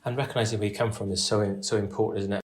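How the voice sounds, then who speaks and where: A man's voice: lowish voice, level tone, racing, echoey room. A man from South Wales with a faint Welsh accent, hosting an interview and asking encouraging questions. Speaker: interview host. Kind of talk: conversational interview.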